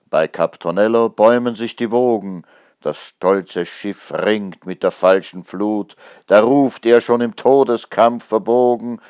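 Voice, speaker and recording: A man's voice: on the low side, a little mellow, clear, resonant tone. A man giving a theatrical recitation of a comic ballad, his delivery swelling and falling with the verse. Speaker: poetry reader. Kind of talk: dramatic poetry recitation.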